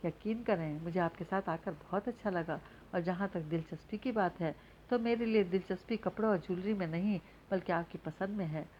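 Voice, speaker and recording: A woman's voice: fairly low pitch, normal speed, lo-fi sound, slight background noise, natural voice. A woman voicing a shy, earnest young woman soon to be married, in a story reading.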